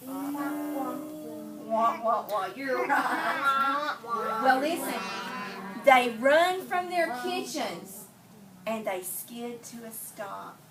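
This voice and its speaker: A woman teacher reads a picture book to young children extremely slowly, her voice sitting high, with music playing underneath. She tells the story expressively, prompting the kids with questions and repeating their replies. The distant microphone captures a roomy, noisy indoor classroom.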